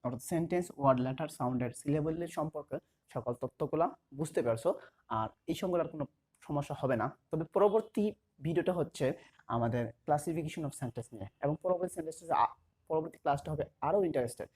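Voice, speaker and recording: Man, teacher, dark husky tone, repeats terms slowly while writing. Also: a little high. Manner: repeats key terms slowly, dictating as he writes. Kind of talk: explanatory class lesson.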